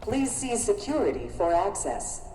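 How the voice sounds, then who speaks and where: A woman voicing an impersonal security system, heard over a loudspeaker, slow and formal. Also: mid-range voice, big pitch swings. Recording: distant echoey speaker with noise.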